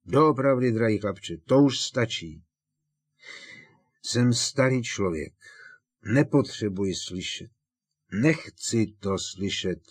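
A man's voice: on the low side, animated, slightly rough, no echo. Weepy old wizard teacher, stammers, gets emotional, a guy reading it, dry close mic. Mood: flustered. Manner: emotional, halting, sentimental. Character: elderly male potions teacher, fussy, tearful.

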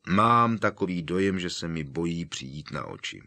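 Audiobook: gentle, unhurried old headmaster, read by a man, deep. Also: lively intonation, gravelly, full character voice. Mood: calm. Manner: measured, soothing. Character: wise, calm elderly male headmaster. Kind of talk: audiobook character voice.

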